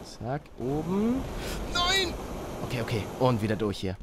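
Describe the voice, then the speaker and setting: A young man doing excitable Let's Play commentary, yelping at failures and mixing in English slang. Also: medium pitch, a little slow, noisy background. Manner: excitable, shouts and yelps at failures; mixes English slang into his talk. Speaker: gaming YouTuber.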